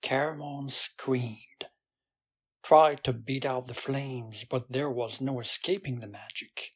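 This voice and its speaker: Sex: man. Role: bedtime audiobook narrator. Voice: husky, mid-pitched. Pace: very slow. Style: reading a fantasy novel for sleep. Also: fairly even intonation.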